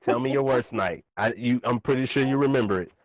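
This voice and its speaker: A man's voice: mid-range voice, a little fast, no echo, low-quality recording. A man hosting a casual podcast chat, laid-back and teasing. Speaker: podcast host.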